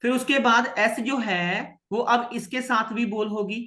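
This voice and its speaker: An Indian-accented man teaches French with patience. He speaks slowly, repeats each phrase and keeps checking that his students follow. The room around him has a noticeable echo. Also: extremely high pitch, bright, forceful tone. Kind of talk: online French lesson.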